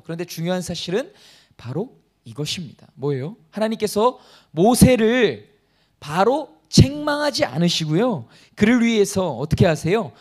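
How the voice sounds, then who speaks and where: Pastor guy preaching at church, pretty high voice, keeps throwing questions at the congregation and chuckling. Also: darkish tone. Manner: reads scripture aloud in a raised, formal voice; chuckles and jokes between points. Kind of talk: sermon. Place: church service.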